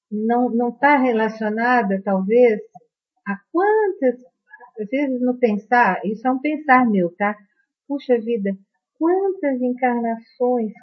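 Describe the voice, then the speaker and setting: Husky woman asking hesitantly. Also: on the high side. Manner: hesitant, searching for words. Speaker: attendee asking a question. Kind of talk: questioning in a spiritual session. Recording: tinny phone-like recording.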